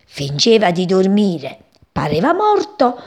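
A woman's voice: mid-range voice, huge pitch swings, slow, a little mellow, heavily acted. A woman voicing a cocky, boastful young male sparrow in a children's story.

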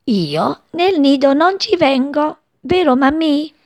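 A woman voicing a young male chick in a children's storybook, high and chirpy, pleading and eager. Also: animated, slow pace, darkish tone, no room sound, full character voice.

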